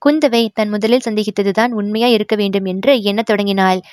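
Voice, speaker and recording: A woman narrating a historical novel chapter in measured, clear storytelling. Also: medium pitch, steady tone, a little mellow, no room sound, studio quality. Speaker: audiobook narrator.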